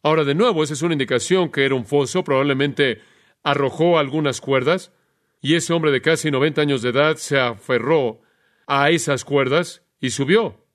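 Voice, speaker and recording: A man preaching an expository Bible sermon in a lively way, putting rhetorical questions to his listeners. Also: fairly high pitch, moderate pace. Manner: animated, asks rhetorical questions.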